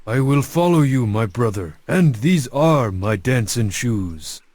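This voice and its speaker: A man's voice: mid-range voice, lively intonation, takes it slowly, a little mellow. A man voicing an earnest, naive sidekick in a cartoon game, speaking with solemn, oddly formal phrasing. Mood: solemn, eager. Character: earnest, naive, mystical cartoon sidekick who calls others brother.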